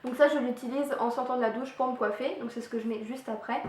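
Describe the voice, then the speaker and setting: A woman's voice: fairly high pitch, steady tone, fast, a little mellow. A young woman chatting casually through a beauty product review, with lots of fillers and little playful sound effects, recorded on a camera mic at home. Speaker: beauty vlogger. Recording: echoey room with faint hiss.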